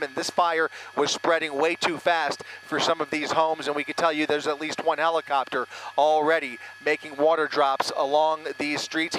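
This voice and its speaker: A man's voice: on the high side, sharp tone, a little hiss or hum, poor audio. Urgent male field reporter outdoors. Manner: urgent, descriptive, occasional hesitations. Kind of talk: live breaking news report. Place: outdoors near a burning neighborhood.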